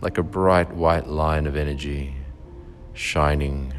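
Very deep, slow-speaking man guiding relaxation. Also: soft background music. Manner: slow, calm, soothing instructions with long pauses. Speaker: meditation guide. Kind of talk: guided relaxation meditation.

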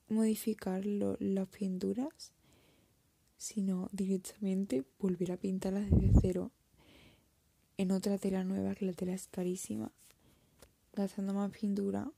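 A young woman whispers her thoughts straight to the camera. Her voice is very breathy with a gravelly edge, and the sound is dry and close. She speaks hesitantly and reflectively, like a confession. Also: medium pitch, flat delivery, a little slow, mellow, no echo. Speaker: art student.

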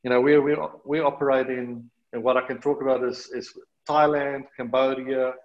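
A middle-aged South African man, guest and charity partnership manager, talks earnestly in a conversational interview, full of fillers and restarts. His mid-range voice has little pitch movement at a normal speed, and the highs are cut off.

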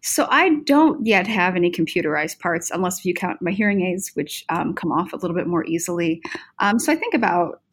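Hesitant, slightly low-voiced woman academic. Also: expressive, fairly quick, husky. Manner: hesitant, searching for words. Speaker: panelist. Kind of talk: academic conversational explanation.

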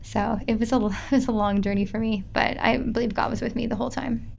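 A woman's voice: a little high, steady tone, brisk, creaky, darkish tone, a little hiss or hum. A young woman, chatting casually as an interview guest and filling her talk with "like". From Midwest United States. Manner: chatty, lots of filler "like".

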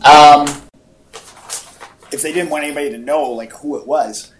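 With a fairly high, fairly even voice at a moderate pace, this co-host rambles enthusiastically through casual fan talk about superhero movies. The mic is distant, and the home podcast audio is echoey.

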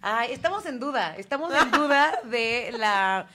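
Teasing Mexican woman co-host, slightly high. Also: expressive, bright, forceful tone. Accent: Mexican Spanish. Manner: teasing, quick reactions. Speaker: podcast co-host. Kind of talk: casual comedic chat.

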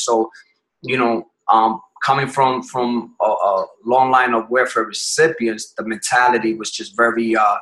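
A podcast guest from Puerto Rico tells his life story reflectively, often pausing and restarting his phrases. His voice is medium-pitched with a fairly bright tone, and the audio quality is poor.

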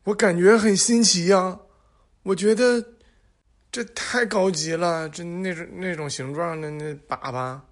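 Man doing a dim, excitable schoolboy in a dad joke. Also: a little high, normal speed, hardly any pauses. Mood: naive excitement. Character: dim-witted, enthusiastic male kidnapper as a schoolboy. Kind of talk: acted dialogue in a corny dad joke.

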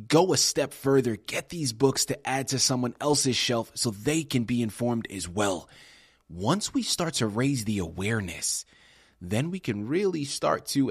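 A man's voice: medium pitch, breathy edge, no room sound, clean studio sound. A man hosting a podcast, talking emphatically and urging listeners directly. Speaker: podcast host. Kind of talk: enthusiastic interview host.

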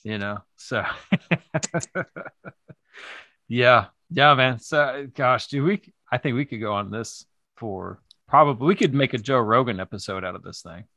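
A man hosting a podcast with a bright, forward tone and a dry, close sound. He talks in a laid-back, agreeable way and laughs easily, still a young adult. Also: mid-range voice, unhurried, no echo. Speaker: podcast host. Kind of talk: casual podcast chat.

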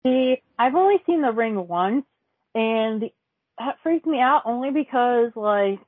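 A woman's voice: a little high, expressive, a little slow, slightly rough, no echo. A woman in casual chat, rambling with many fillers and frequent laughs. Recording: dry, phone-like audio.

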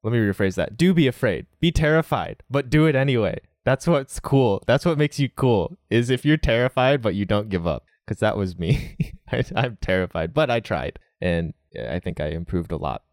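A young man in a casual interview, talking about learning Japanese, relaxed, often laughing and saying "like". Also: on the low side, moderate pace, few pauses, no room sound, clean studio sound.

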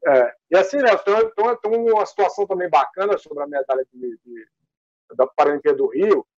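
Animated high-voiced man telling stories. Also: fairly quick, dry recording, muffled recording. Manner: animated, rambling with many fillers. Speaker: guest athlete. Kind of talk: casual interview storytelling.

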